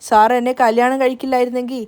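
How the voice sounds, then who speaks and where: A woman's voice: on the high side, level tone, fast talker, darkish tone, natural voice. A woman voicing an anxious, tender young woman who pleads and frets in a storybook recap. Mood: worried. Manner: pleading, worried.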